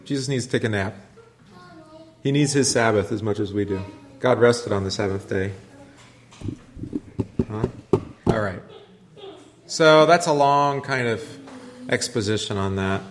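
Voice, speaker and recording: A pastor teaching an informal church class in a conversational way, often asking the group questions. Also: male voice, mid-range voice, slight background noise.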